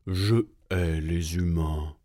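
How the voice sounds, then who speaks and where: A grumpy male giant from a storybook growls in a deep, dark voice, as a man reads him out. His words come slowly and heavily. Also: fairly even intonation. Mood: gruff. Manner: low, gruff growl. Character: grumpy big male giant who hates humans. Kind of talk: storybook reading.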